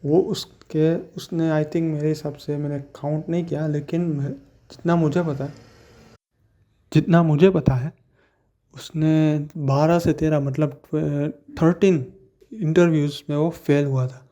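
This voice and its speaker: A man's voice: a little high, steady tone, unhurried, dark tone, highs cut off. A young man giving a casual, earnest motivational talk, rambling with restarts and addressing the listener as brother. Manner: addresses listener as brother, mixes in English words. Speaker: motivational speaker.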